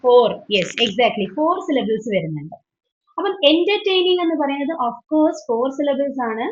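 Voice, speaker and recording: A woman's voice: high voice, very animated, takes it slowly. A woman teaching an online English grammar class, patient and questioning, often switching into English as she explains. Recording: dull lo-fi online call audio.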